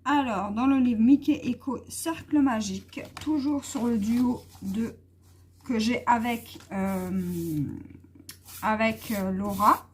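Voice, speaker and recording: A woman's voice: fairly high pitch, slow, a little hiss or hum. A woman vlogger chatting casually and hesitantly while she colors, with many fillers. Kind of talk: casual coloring vlog chat.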